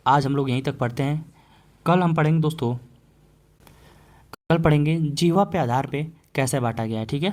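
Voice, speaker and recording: Man, mid-range pitch, exam-prep grammar teacher, repeats example words, asks questions and answers them himself. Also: a little mellow.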